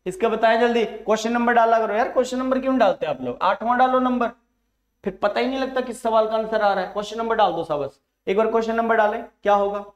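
A man teaching a live online exam-prep class, coaxing his students and calling them "beta", drawing English phrases out slowly. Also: high voice, reverberant.

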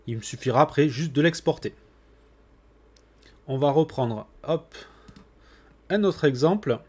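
Male tech tutorial host, husky and a touch high, easygoing walkthrough delivery. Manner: relaxed, chatty, with frequent "hop" and "voilà". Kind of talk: screen-recorded software tutorial.

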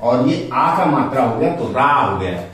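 A man's voice: medium pitch, animated, moderate pace, a bit bright. A man teaching Hindi letters step by step, patiently repeating himself and asking his learners questions as he draws each letter. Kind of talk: step-by-step script lesson at a board. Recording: echoey room, mic far off.

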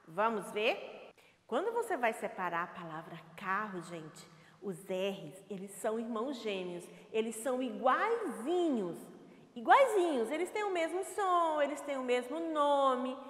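A Brazilian woman teaches young children in a bright, sing-song voice that rises and falls a lot. She explains letters to them through playful little stories. The long reverb suggests a big, echoing room. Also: a little high. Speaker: first-grade teacher. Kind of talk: recorded remote lesson for young children.

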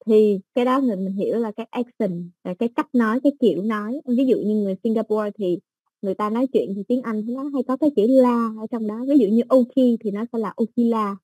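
A woman teaching an English exam-prep lesson, explaining slowly with everyday examples and many fillers. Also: on the high side, dark tone, dry recording, highs cut off.

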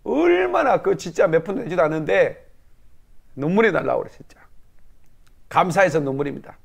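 High-voiced Korean pastor preaching fervently. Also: male voice, sing-song, normal speed, creaky, breathy edge. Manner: fervent declaring prayer, then chatty storytelling. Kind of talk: sermon with prayer and personal story.

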